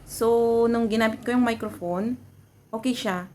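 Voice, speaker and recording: Soft-spoken Filipina vlogger, chatty and casual. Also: female voice, a little hiss or hum. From Philippines. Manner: soft-spoken, deliberately keeps voice low; chatty Taglish with many fillers. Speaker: overseas worker vlogger. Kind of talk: casual product review vlog. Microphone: phone with clip-on lavalier mic.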